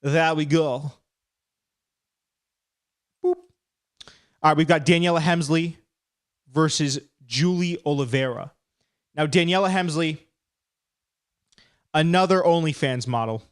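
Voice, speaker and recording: A man's voice: fairly high pitch, measured pace, pauses often, clean tone. A man hosting a live stream, chatting casually and rambling as he breaks down fights. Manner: chatty, rambling, self-deprecating.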